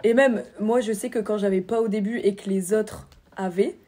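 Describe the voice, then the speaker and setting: A young woman chatting casually on a podcast, sick, with a hoarse, husky voice like an old man's. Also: medium pitch, steady tone, normal speed, dark tone. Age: young adult. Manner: informal, slangy. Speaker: podcast co-host. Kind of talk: casual chat.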